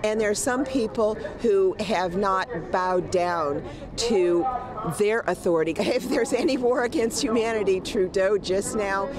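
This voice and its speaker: A woman's voice: medium pitch, measured pace. A woman interviewed at an outdoor street protest, talking earnestly and intensely. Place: busy city street outdoors. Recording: crowd noise behind.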